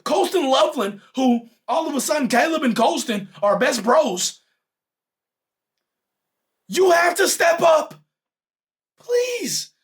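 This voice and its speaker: A young man hosting a podcast, ranting in a heated, exasperated way about a football game and straining a voice he says is going hoarse. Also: very high voice, a bit bright. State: losing his voice. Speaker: podcast host. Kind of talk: animated sports reaction rant.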